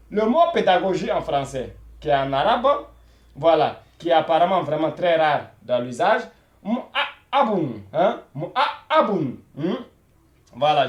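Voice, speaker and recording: Patient male language teacher, unhurried and roomy, drilling words again and again. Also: high voice, highs cut off. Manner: repeats words slowly, many "voilà" fillers. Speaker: Arabic teacher. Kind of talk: beginner language lesson.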